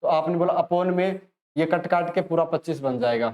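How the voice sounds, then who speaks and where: Indian guy explaining maths problems, friendly, kinda high voice, pushes students to try first. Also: darkish tone, lo-fi sound. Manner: chatty, talks to students as if they ask questions; encouraging, urges students to pause and solve. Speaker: maths teacher. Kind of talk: online lesson, solving problems.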